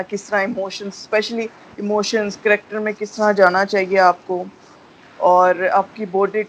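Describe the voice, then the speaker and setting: A woman's voice: mid-range voice, slight background noise, low-quality recording. A woman with a Pakistani Urdu accent giving a candid testimonial as a voice-over student, slipping English phrases into her talk.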